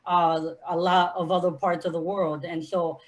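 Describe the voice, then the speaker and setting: A woman's voice: lowish voice, little pitch movement, normal speed. A woman from Honduras speaking on a panel as an organizer, earnest and impassioned. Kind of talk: panel discussion.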